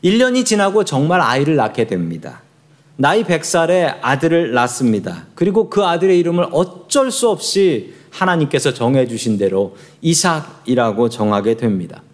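A man preaching a sermon as a pastor, telling the story with lively, conversational delivery and acting out the figures. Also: on the high side, normal speed, few pauses. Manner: lively storytelling, acts out voices of biblical figures.

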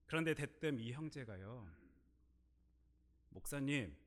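A middle-aged male pastor preaching a sermon, telling a personal story and swinging between quiet asides and loud, emphatic bursts. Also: mid-range voice, animated, normal speed.

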